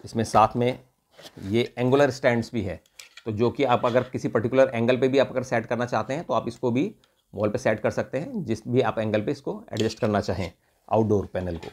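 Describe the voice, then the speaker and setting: A product reviewer with an Indian accent unboxes an item without a script, speaking a little fast in a medium-pitched voice with a darkish tone. He explains each part and often repeats points by switching between Hindi and English.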